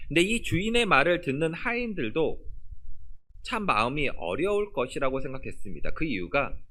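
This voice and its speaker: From a church pulpit, a pastor delivers a sermon with his pitch sweeping up and down in lively fashion. Whenever he reads scripture, the final words drop low and soft into the sanctuary.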